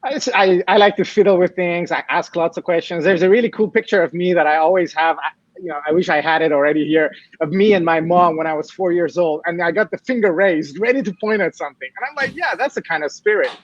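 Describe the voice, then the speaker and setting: A middle-aged man born in Iran who grew up in France, speaking as an interview guest, animated and full of restarts and "you know". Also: high voice, fast talker, no room sound. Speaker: guest, tech startup founder. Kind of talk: casual interview talk. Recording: dull lo-fi remote audio.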